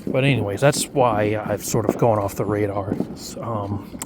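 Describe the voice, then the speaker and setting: Outdoors at night, a man with a low-leaning voice vlogs at a moderate pace, rambling casually with many fillers and hesitations. The recording is very noisy, full of loud fireworks and firecrackers.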